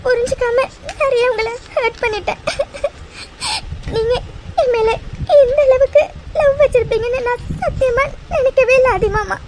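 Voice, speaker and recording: A woman's voice: very high-pitched, a little hiss or hum, full character voice, rough recording. A woman voicing a young woman in love in a cartoon who turns tearful and pleading, then coy. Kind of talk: cartoon voice acting.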